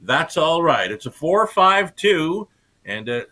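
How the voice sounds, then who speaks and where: Bright-voiced male racing commentator. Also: on the high side, very animated, takes it slowly, low-quality recording. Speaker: race commentator. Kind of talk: unscripted post-race commentary.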